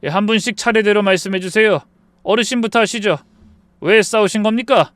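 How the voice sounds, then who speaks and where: A man's voice: high voice, fairly quick, no room sound, voice pushed up. Man doing a polite weary police officer. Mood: calm formal. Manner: formal, calming.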